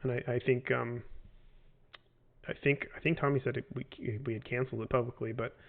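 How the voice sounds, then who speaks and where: A game developer in his forties answers fan questions in a casual livestream Q&A, speaking fairly quickly in a gravelly, flat, medium-pitched voice. He rambles and hesitates, leaning on fillers and restarts, over tinny, phone-like audio.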